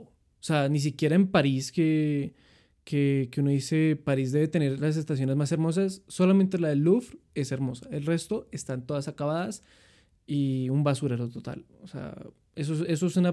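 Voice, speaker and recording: A young man with a Colombian accent telling travel stories in a chatty, rambling way. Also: a little high. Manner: chatty, rambling, animated retelling. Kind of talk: casual storytelling.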